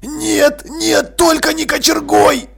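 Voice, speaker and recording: Timid furry bogeyman, screechy and gravelly, slow drawn-out wails. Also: fairly even intonation, heavily acted. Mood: pleading. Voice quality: high creaky squeals. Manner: panicky pleading, wailing. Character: cowardly furry male bogeyman monster. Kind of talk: audiobook character voice.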